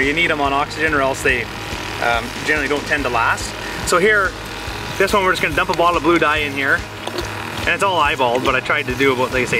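A man in his thirties outdoors on a frozen lake, calmly explaining step by step how he prepares his bait. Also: a little high, low-quality recording. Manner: steady, practical, step-by-step. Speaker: fishing show host. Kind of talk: instructional explanation.

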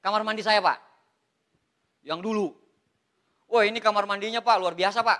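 A man with an Indonesian accent giving an animated, joking seminar talk to an audience, often calling listeners "Pak". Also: high voice, moderate pace. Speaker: motivational speaker at a business seminar.

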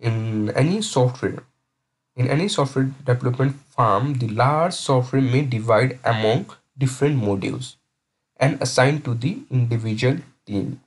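A man lectures over slides. His voice is a little husky. He works through each point step by step, often restarting phrases and repeating words as he explains. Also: mid-range voice, normal speed.

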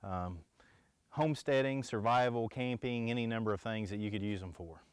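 A man's voice: fairly low pitch, normal speed, smooth, no echo. A middle-aged man teaching outdoor skills in a plainspoken, casual way, often checking in with the viewer, recorded outdoors in the woods on a clip-on mic. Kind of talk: casual instructional demonstration.

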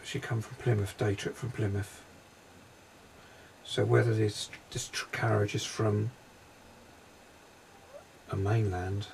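A man working as a psychic medium, describing impressions in a halting, hesitant way inside a railway carriage during a paranormal investigation. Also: on the low side, little pitch movement, vocal fry, a little mellow, slight background noise.

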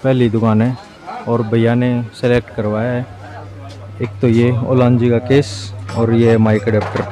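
A man's voice: mid-range voice, flat delivery, measured pace, mellow, faint music behind. A young man chatting to viewers while he walks through a busy outdoor market, camera at arm's length. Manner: chatty, addresses viewers as brother. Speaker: vlogger. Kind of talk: casual walking vlog. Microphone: camera held at arm's length. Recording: crowded street noise. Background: crowd chatter.

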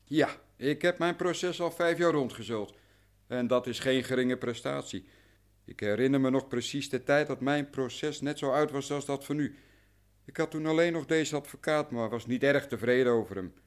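This is radio drama acting in Dutch: a man in a lightly acted, medium-pitched voice at a moderate pace plays a client who is anxious, deferential and long-suffering. Talkative and earnest yet resigned, he recounts everything at length and with meticulous care.

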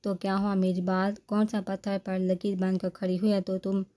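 A woman's voice: mid-range voice, level tone, warm tone, lightly acted. Woman reading as a teasing, dramatic young man. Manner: playful, theatrical teasing.

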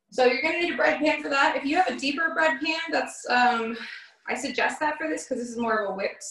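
A young woman walks through a recipe in a relaxed, chatty way, talking her viewers through each step. Her fairly high voice bounces around the kitchen and sounds set back from the camera. A faint hum sits behind her. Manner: chatty, explains step by step with fillers. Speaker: cooking instructor. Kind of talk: casual cooking demonstration. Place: home kitchen, indoors. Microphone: camera across the counter. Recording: echoey kitchen, far from the mic.

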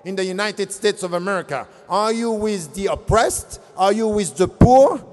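A man's voice: sits high, moderate pace. A man in his fifties giving an impassioned religious lecture at a podium mic on a convention stage, asking rhetorical questions. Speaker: convention speaker. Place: large convention hall stage. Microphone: podium gooseneck mic. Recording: long reverb of large hall.

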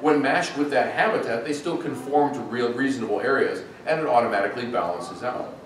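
Middle-aged man, conference speaker, casual and animated, heard from far back in a reverberant hall. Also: mid-range voice, fairly quick. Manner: animated, chatty, with frequent ums and uhs. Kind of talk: technical conference talk. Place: large echoey conference hall. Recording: echoey hall, distant mic, faint noise.

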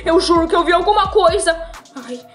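Woman doing a very high, panicky toy pony. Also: fairly quick. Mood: panicked. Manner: breathless exclamations, dramatic wailing. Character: panicky, easily frightened female toy pony. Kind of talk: homemade toy-play story.

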